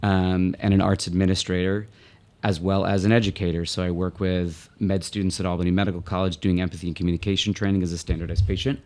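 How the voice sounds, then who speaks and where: A man who co-founded a theater company and works as an arts administrator and educator, introducing himself in an interview in a steady way. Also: deep voice, fast. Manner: steady, list-like self-introduction.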